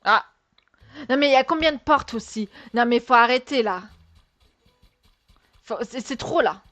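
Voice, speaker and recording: A woman with a slightly high voice talks her viewers through a game, chatty and exclamatory. She keeps up a running commentary full of exasperated asides and sighs, in a loose, unscripted let's-play style. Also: moderate pace, fairly bright tone, soft background music. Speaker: gaming video creator.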